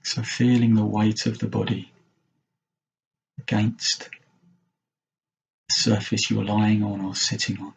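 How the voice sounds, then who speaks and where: A man guides a mindfulness meditation as its teacher, his lowish voice gravelly, husky, and level in tone. He speaks gently and slowly, in short phrases broken by long pauses, on a rough recording.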